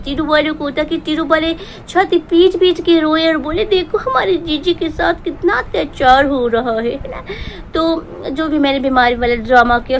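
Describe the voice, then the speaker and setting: A woman's voice: high-pitched, slight background noise, close to an everyday voice. A woman playing a jealous, self-pitying female vlogger in a comic parody monologue, rambling and sarcastic with bouts of fake tears. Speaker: parody performer.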